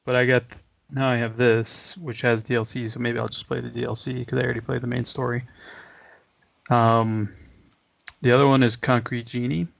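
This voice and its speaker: Gravelly guy co-hosting a chill podcast, rambles, chuckles, dry close sound. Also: mid-range voice, little pitch movement, normal speed, dry recording. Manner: laid-back, chuckling, rambling. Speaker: podcast co-host. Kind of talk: casual chat.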